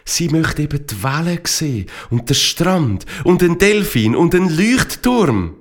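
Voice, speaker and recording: Slow, lively storyteller man. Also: a little high. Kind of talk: children's story narration.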